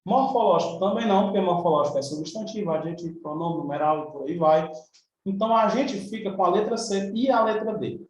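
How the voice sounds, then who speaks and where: A man's voice: high-pitched, lively intonation, fairly quick, a little mellow, very echoey, distant mic, muffled recording, a little hiss or hum. A man with a Brazilian Portuguese accent teaching an exam review lesson in a chatty, informal way, checking in with his students often. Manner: chatty, informal, frequent tag questions.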